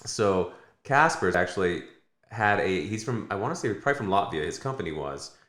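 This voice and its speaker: A very deep-voiced American man talks quickly on a podcast, looping through fillers and restarts as he works out his points. The sound carries the echo of a live room. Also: expressive, fairly bright tone. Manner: rambling, self-correcting, many fillers. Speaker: podcast co-host. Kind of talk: casual podcast chat.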